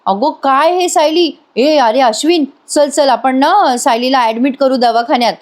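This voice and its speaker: A woman's voice: sits high, moderate pace, lightly acted. A woman voicing a protective, fussing husband in a serial recap, close to her own voice. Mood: worried. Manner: read aloud in a near-plain narrator voice.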